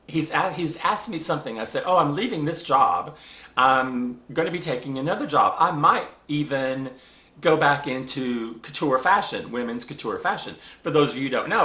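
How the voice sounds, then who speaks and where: A man in a casual vlog monologue, telling a spiritual dream story, animated and laughing often, with many fillers and restarts. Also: mid-range voice, roomy sound. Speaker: spiritual vlogger.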